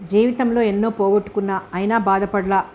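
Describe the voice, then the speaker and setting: A woman's voice: mid-range voice, fairly even intonation, fairly quick, darkish tone, lightly acted. A woman voicing a grieving middle-aged mother in a novel reading, sorrowful and earnest.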